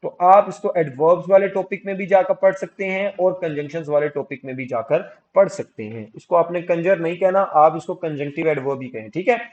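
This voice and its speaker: A man teaching English grammar for exam prep, switching between Hindi-Urdu and English and reading example sentences slowly with stress. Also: on the high side, darkish tone. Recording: dull lo-fi sound.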